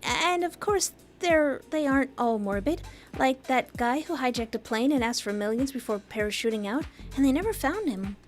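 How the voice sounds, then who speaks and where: A woman voicing a chatty, excitable young woman crime blogger in a visual novel, with an eager, rambling manner. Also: sits high, moderate pace, soft background music. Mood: excited.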